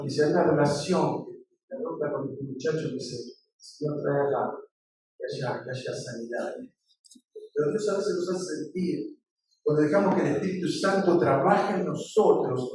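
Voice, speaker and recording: A man's voice: high-pitched, a little mellow, slight background noise. A middle-aged male pastor preaching a sermon in a conversational way, weaving in personal stories. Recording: very echoey room, mic far off.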